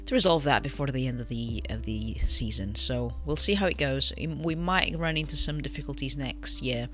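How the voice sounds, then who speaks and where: A game channel host with a cold chats casually while playing through a football management game, full of fillers and self-corrections. His voice is medium-pitched, bright, and forceful, moving at a normal speed. Faint music plays in the background.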